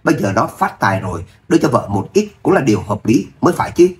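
A man reading the part of a grasping, domineering mother-in-law from a storybook romance. She nags her daughter about money in a sharp, scolding manner and wails to get her way. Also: sing-song, fast talker, lightly acted. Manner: shrill scolding, self-pitying wails. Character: scheming greedy middle-aged mother-in-law.

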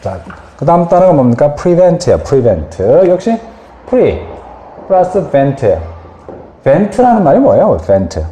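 A man gives a vocabulary lecture with a very lively, swinging pitch, asking his class questions and answering them himself. His voice is mellow and dark. It sounds like a roomy, echoey space. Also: takes it slowly, slight background noise. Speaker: English vocabulary teacher.

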